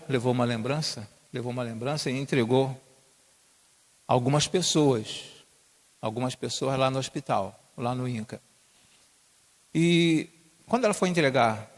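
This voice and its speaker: Preaching man in a reverberant church. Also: medium pitch. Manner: repeats key phrases, rises to emphatic peaks. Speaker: pastor. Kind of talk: sermon. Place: church hall.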